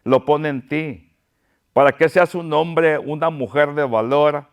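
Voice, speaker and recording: A male pastor delivers a fervent sermon. His voice sits high and sounds smooth and clear. He speaks slowly, pleading and repeating himself for emphasis.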